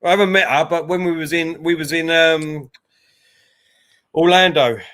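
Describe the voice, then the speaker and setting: A man's voice: fairly high pitch, moderate pace. A man, co-hosting a casual football watchalong, reading out chat messages and calling the match. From Isle of Dogs, East London. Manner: chatty, reads out viewer messages, breaks into excited calls on the match.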